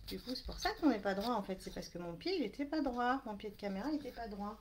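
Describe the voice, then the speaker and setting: A woman's voice: a little high, expressive, fast talker, darkish tone, a little hiss or hum. A woman hosting a live crafting demonstration, chatting with viewers and apologizing for camera trouble as she works. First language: French. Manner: chatty, apologetic, greets viewers while working. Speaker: crafting live-stream host.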